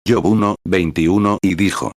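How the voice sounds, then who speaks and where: Low-voiced guy preaching a sermon, fervent, dry close sound. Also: steady tone, moderate pace, dry recording. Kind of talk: Spanish-dubbed sermon reading.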